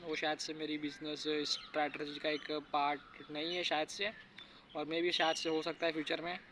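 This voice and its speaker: A teenage boy rambling through a casual vlog monologue, pausing and restarting as he thinks aloud. His voice is bright and a little high, yet it stays flat without much rise and fall. A faint hiss of noise sits behind him. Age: teens. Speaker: YouTuber.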